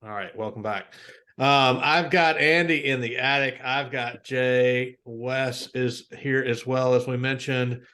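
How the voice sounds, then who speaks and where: A man hosts a casual beer review show, introducing guests and chatting over drinks. His voice sits in a middle register. He talks in an unhurried, easygoing way with plenty of filler words. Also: medium pitch. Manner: relaxed, easygoing, frequent "uh" fillers. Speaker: podcast host.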